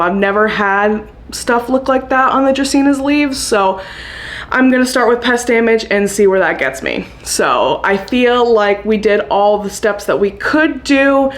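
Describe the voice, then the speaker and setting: A young woman vlogging casually about her houseplant chores, chatty and upbeat, laughing often. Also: medium pitch. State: hiccuping. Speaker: plant vlogger. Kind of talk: casual chat to camera.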